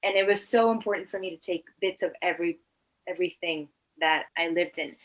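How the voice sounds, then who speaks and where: This interview guest is an actor and filmmaker, a native Spanish-speaking woman in her twenties from Venezuela in Latin America, chatting through her answers. She talks a little fast in a voice on the low side, and the recording is rough.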